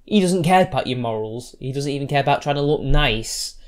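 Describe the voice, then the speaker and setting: Fairly quick and animated, a man with a mid-range voice delivers sarcastic, combative reactions to posts on YouTube. He talks in a loose, rambling way and often starts over.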